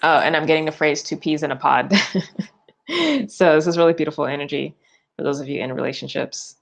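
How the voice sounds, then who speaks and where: Tarot reader, gravelly fry, casual forecast, fillers and restarts, yawning. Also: medium pitch, steady tone, brisk. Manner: chatty, loose, full of fillers and restarts; yawning often.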